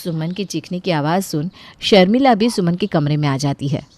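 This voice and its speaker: A woman narrating a scripted storybook tale in a clear, expressive way. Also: on the low side, normal speed, no echo.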